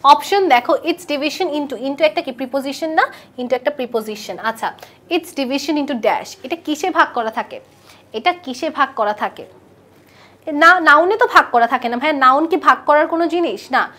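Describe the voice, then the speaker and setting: A woman's voice: high-pitched, lively intonation, fairly bright tone. A woman, teaching a live online English lesson, asking students questions and repeating their answers. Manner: reads English test sentences slowly.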